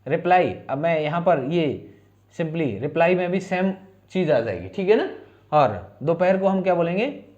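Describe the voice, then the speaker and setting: A man's voice: a little high, sing-song, moderate pace, a little mellow, muffled recording. A male teacher giving a spoken-English lesson, asking questions and answering them himself in repeat-after-me drills.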